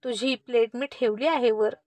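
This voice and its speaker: A woman's voice: on the high side, steady tone, moderate pace, a little mellow, no room sound, close to an everyday voice. A woman doing an exasperated scolding mother. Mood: puzzled.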